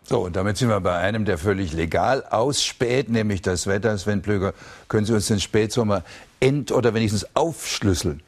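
A man anchors a late-evening news broadcast in a somewhat low voice. His delivery is calm and measured, reading scripted handovers and sign-offs.

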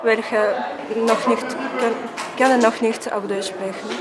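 Young ukrainian-native girl, slow halting german, loud classroom noise. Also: a little high, fairly even intonation. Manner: halting, hesitant learner German. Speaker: student.

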